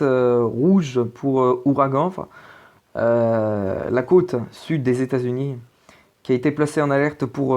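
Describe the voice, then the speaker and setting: With a medium-pitched, slightly mellow voice, an amateur weather presenter talks his way through the maps. The delivery is casual and hesitant, riddled with fillers and fresh starts.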